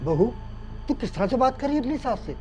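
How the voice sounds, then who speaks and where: Actor as aggrieved old father-in-law, high-pitched scolding, soft music under, skit drama. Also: very animated, brisk. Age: older. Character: indignant elderly father-in-law.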